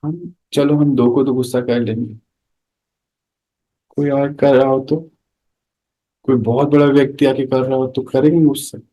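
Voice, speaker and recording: A man's voice: mid-range voice, steady tone, measured pace, pauses often, dark tone, poor audio. A man giving a conversational spiritual talk to an audience, telling everyday anecdotes and asking rhetorical questions. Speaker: spiritual speaker.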